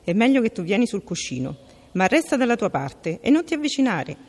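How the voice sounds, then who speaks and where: A woman voicing a spoiled, bossy young princess who exclaims in a shrill voice, in a reverberant room. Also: very animated, fairly quick, breathy edge. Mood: grudging.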